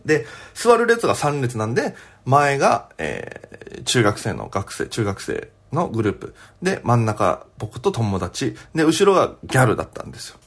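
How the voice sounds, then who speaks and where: A young man, a comedian, telling a story alone on his podcast in a chatty, animated way. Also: medium pitch, moderate pace, hardly any pauses, slightly rough.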